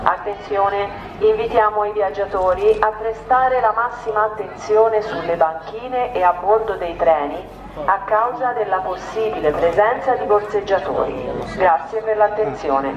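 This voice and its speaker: A woman giving a scripted train station announcement over a loudspeaker, in an even, measured recorded delivery. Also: medium pitch. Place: outdoor railway platform. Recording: dull station loudspeaker over loud crowd and noise.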